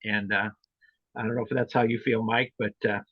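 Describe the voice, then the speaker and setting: This meeting leader, who trains volunteer club officers, has a lowish, level, breathy-edged voice and a brisk pace. He rambles and hesitates while explaining things in an informal online video meeting captured in roomy, muffled sound.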